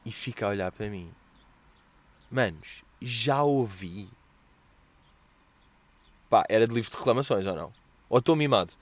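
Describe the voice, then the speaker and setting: A young man with a European Portuguese accent hosting a podcast, telling stories in a casual, slangy, animated way and acting out what others said. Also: on the low side, quick pace, pauses often, no room sound. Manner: slangy and animated, acts out quoted dialogue with exaggerated voices. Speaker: podcast host answering listener questions. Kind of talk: casual storytelling chat.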